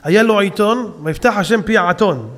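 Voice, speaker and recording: A high-pitched male preacher delivers a sermon in a long-reverb hall. He tells his story with emphatic swings, rising to loud peaks and then dropping back to speak directly to the congregation. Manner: addresses audience as "gentlemen". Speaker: rabbi preacher. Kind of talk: Hebrew Torah sermon.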